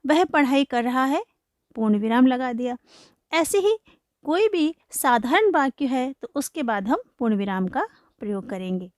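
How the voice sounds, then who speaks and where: A woman teaching a grammar lesson for children, slowly explaining and reading example sentences aloud. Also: high voice, animated, no echo, clean studio sound. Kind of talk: classroom-style lesson for children.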